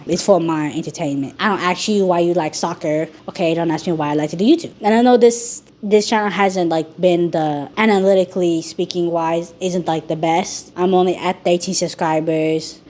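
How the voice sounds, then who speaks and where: A woman talking frankly in a rambling personal vlog, her voice rough from being sick. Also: fairly low pitch, a little mellow. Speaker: YouTuber.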